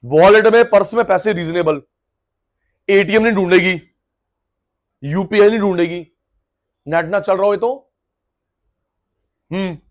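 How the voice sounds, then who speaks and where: A middle-aged man giving a lively, chatty classroom economics lecture, acting out students through everyday examples. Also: high voice, unhurried, long pauses. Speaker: economics teacher.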